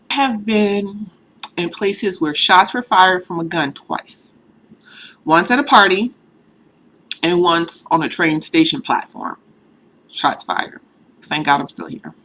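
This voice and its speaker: Chatting openly in a talking-to-camera vlog, this thirty-something vlogger from Boston peppers her talk with "you know," a faint Boston accent slipping through at times. She sits on the low side with a fairly bright tone, and a little hiss or hum is audible.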